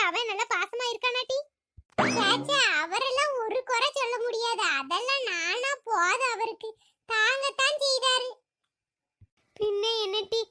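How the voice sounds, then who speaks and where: High bright chatty village voice. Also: female voice. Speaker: voice of all cartoon characters. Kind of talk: village cartoon comedy voicing.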